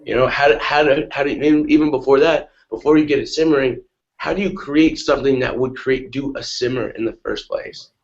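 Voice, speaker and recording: A man's voice: mid-range voice, brisk. Man giving a pumped-up motivational talk. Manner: energetic, repetitive, says "right?" often. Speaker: guest on a webinar. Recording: dull lo-fi webinar audio.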